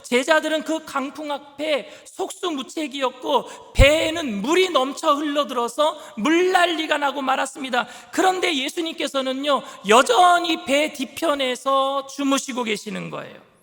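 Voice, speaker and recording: A man's voice: very high-pitched, animated, moderate pace, hardly any pauses, fairly bright tone. A male pastor giving a conversational sermon, now and then acting out the disciples' anxious complaints. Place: church sanctuary. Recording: church hall reverb.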